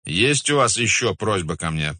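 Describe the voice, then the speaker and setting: A man voicing a haughty, amused young Mongol khan who talks in a slow, lordly, commanding way, read as an audiobook character. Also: fairly low pitch, sing-song, bright, forceful tone, dry recording, voice pushed up, heavily acted.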